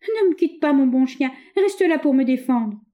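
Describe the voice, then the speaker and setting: A woman voicing a panicked young heroine, shrill. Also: expressive, normal speed, lo-fi sound. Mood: shaky relief. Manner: shrill, pleading cries. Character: terrified young woman fighting off an attacker. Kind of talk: audiobook reading.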